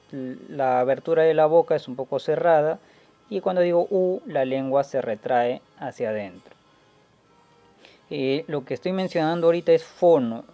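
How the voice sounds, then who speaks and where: Mellow-voiced man explaining patiently. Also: a little high. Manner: slow, patient, demonstrating sounds aloud. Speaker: language teacher. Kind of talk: classroom explanation.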